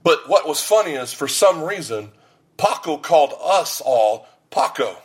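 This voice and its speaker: Joking middle-aged preacher. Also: male voice, on the high side, very animated, a little slow. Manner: joking, anecdotal storytelling. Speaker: pastor. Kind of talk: sermon.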